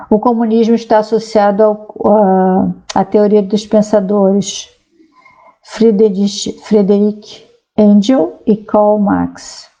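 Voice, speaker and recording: A woman's voice: mid-range voice, dark tone, dull audio. A woman sociologist talking casually to viewers, explaining ideas and reading aloud from a website, with frequent tag questions. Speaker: sociologist commentator.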